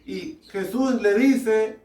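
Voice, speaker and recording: A man preaching a sermon to a small congregation, slow and deliberate, putting rhetorical questions to his listeners. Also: high voice, a crowd in the background. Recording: echoey room, mic far off.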